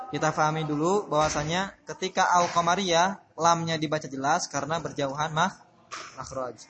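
High, bright-voiced man teaching a lesson. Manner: explains patiently, repeats points, asks the class questions. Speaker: Quran recitation teacher. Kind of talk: recorded study-circle lesson. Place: religious boarding school classroom.

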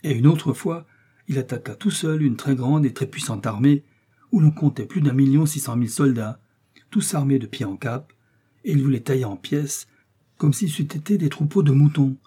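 A stubborn, blustering innkeeper, as a man reads him in an audiobook, who defends his books of knights with gusto. Dark, husky tone throughout. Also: medium pitch, normal speed, close to an everyday voice. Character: stubborn old innkeeper in love with chivalry books. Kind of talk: audiobook reading.

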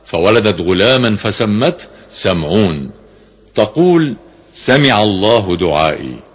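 A man reading a classical scripture commentary in a formal, measured way, slowing down for quoted verses, on a radio broadcast recording. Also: fairly low pitch, slightly rough. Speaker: reader of Quran commentary.

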